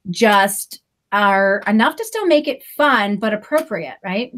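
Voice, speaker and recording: A middle-aged woman, a reading tutor, hosting a casual live-stream chat on a video call, animated and quick to laugh, with lots of fillers. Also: medium pitch, a little hiss or hum.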